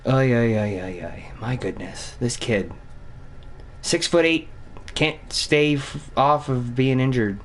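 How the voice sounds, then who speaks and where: A young man from Vermont talks through a hockey management game on stream. He rambles, curses now and then and thinks out loud, at a pitch that sits mid-range for a man. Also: slow, slight background noise. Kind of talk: casual gaming commentary.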